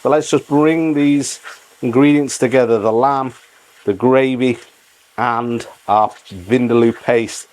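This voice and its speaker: A man's voice: medium pitch, steady tone, slow pace, darkish tone, poor audio. Man casually hosting a cooking tutorial. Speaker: cooking channel host.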